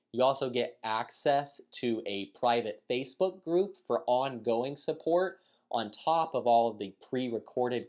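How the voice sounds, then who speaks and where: Man, vlog host, nasal and congested from a cold, casual and chatty with filler words. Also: mid-range voice. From Florida, United States. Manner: relaxed, conversational with frequent filler words. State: sick, congested. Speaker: pet care business owner and channel host. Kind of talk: casual talking-head vlog.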